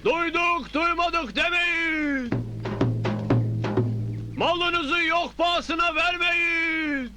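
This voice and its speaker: A village town crier in an old film, his voice very high and carrying. He stretches out each proclamation slowly as he declaims it, with loud drum music behind him. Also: exaggerated voice. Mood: loud proclaiming.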